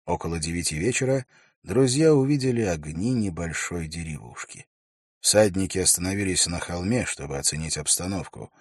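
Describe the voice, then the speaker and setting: A man reading an audiobook in a measured, steady storytelling voice. His tone is deep and husky, recorded dry and close to the mic. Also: dry recording. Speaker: audiobook narrator. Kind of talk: scripted audiobook narration.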